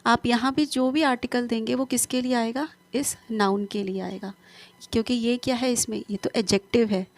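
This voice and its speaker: A woman teacher explaining English grammar in a lesson. She keeps asking questions and answering them herself, and she reads the English examples slowly and deliberately. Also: fairly high pitch, steady tone.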